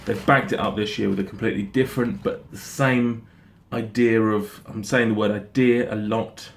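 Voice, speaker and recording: A man giving a casual snack review in a halting, rambling way, often repeating himself. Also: fairly low pitch, steady tone. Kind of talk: casual product review chat. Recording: noticeable background noise.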